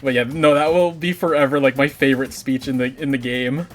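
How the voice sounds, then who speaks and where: A young man builds a model kit on a live stream, rambling casually and swearing lightly, while faint game music plays. His medium-pitched voice stays fairly even and moves a little fast.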